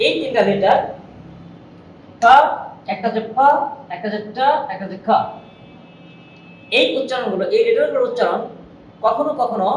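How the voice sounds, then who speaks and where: A woman teaching English pronunciation in a spoken lesson. She talks slowly and patiently, repeating each example sound several times. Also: a little high, distant mic, slight background noise. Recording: echoey room, voice from off-mic.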